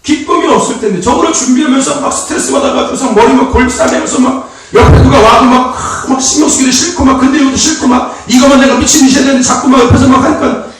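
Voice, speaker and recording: Male pastor with a very high, lively voice, chatty and laughing, recorded from a distance in an echoey church hall. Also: fast. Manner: animated and chatty, laughs often, prompts the congregation for amens. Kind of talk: informal sermon. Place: church sanctuary. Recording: echoey hall, distant mic, faint noise.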